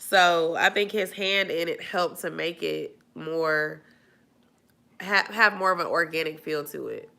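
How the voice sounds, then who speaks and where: Congested and nasal from a cold, a woman chats casually on a live stream while answering viewers, rambling and using many fillers. She has a deep, slightly slow voice with vocal fry and a sharp tone.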